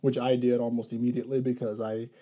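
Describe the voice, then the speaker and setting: A man's voice: mid-range voice, quick pace, lo-fi sound. A young man, a podcast guest, chatting casually about his emergency room job, rambling and correcting himself as he goes. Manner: rambling, self-correcting, animated retelling. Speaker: podcast guest, ER health unit coordinator.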